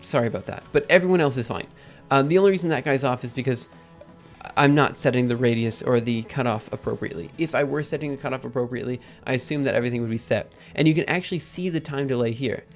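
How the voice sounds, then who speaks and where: A man hosting a live coding stream, thinking aloud in a halting, casual way with many ums. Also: mid-range voice, faint music behind. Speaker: livestream host.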